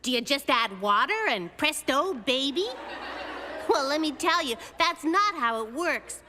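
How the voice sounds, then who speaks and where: A woman voicing a confident, quick-witted little girl in a children's cartoon, with a wry, emphatic delivery. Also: high-pitched, big pitch swings, bright, forceful tone, slight background noise, heavily acted. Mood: playful. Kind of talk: animated children's cartoon voice acting. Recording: music behind the voice.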